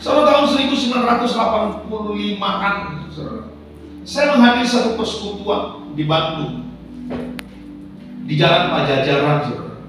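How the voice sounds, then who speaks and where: A man's voice: high-pitched, lively intonation, normal speed, pauses often. An older man from Sumatra preaching a sermon, telling personal stories and calling the congregation "saudara" again and again. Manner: addresses the congregation as "saudara" constantly. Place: church hall. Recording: echoey hall from far off with music.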